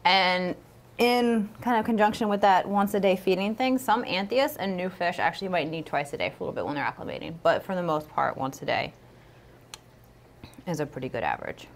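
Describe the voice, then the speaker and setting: A woman's voice: on the low side, animated, brisk, slight background noise. A woman co-hosting a casual livestream, chatty and upbeat with lots of fillers while she demonstrates. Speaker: co-host of a livestream. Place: aquarium studio.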